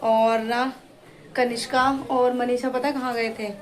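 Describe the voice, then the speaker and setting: A woman's voice: a little high, flat delivery, measured pace, darkish tone, low-quality recording. A woman chatting casually in a family vlog, talking to viewers and coaxing the children around her. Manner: chatty, scolds and coaxes children. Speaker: vlogger. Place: family home, indoors and rooftop.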